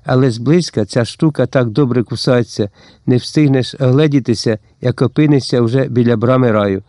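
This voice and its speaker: A male narrator reads a first-person story in lively scripted narration. He drops into slangy tough-guy talk for the hero's lines. His voice is dark and mellow, recorded dry and close. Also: mid-range voice, normal speed, dry recording. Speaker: audiobook narrator.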